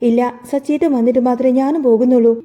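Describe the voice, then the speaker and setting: A woman's voice: high voice, fairly even intonation, rapid-fire, warm tone, in a large hall, lightly acted. A woman reading as a worried, stubborn young wife. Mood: pleading. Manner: pleading, scolding.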